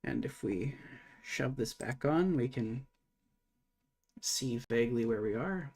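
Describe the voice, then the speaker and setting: A man's voice: medium pitch, lively intonation, slow pace, darkish tone, husky. A man streaming live while programming, thinking aloud in a casual, muttering way and swearing now and then.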